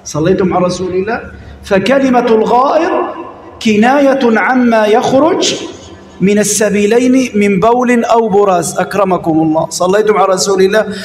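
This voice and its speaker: A man with an Egyptian accent teaching religious law to a congregation, switching between slow recitation and quick colloquial asides, questioning his listeners. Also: sits high. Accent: Egyptian Arabic. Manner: lively, shifts between slow recitation and rapid colloquial asides, calls on the audience. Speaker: sheikh teaching Islamic jurisprudence. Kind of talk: Egyptian colloquial lesson-sermon. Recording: echoey hall with long reverb.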